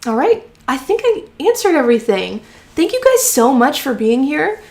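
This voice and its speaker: An encouraging woman answers viewer questions on a live stream from her home office, her voice a touch high and full of vocal fry. She talks in a loose, chatty way, full of "um" and "like," and sounds a little hoarse after talking a long time. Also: big pitch swings, moderate pace, darkish tone. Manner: chatty and encouraging, many fillers like "um" and "like". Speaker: host of a freelance writing live stream.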